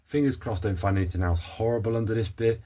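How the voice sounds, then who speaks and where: A man with a lowish, dark voice talks quickly and casually as he works on a car under it in his home garage. He's a car restoration vlogger giving chatty workshop commentary, sounding a bit unsure as he thinks out loud.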